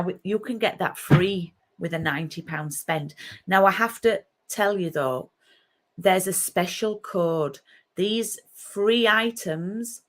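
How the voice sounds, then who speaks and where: With a lowish voice and a Yorkshire accent, this middle-aged woman from Yorkshire runs a casual craft live stream from her home craft room, calling out viewers by name.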